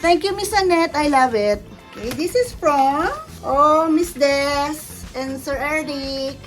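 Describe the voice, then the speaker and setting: A middle-aged Filipino-accented woman vlogger speaks slowly in a high-pitched voice as she unboxes gifts, faint music playing behind her. She's effusive and casual, switching between English and Tagalog and thanking the people who sent the gifts.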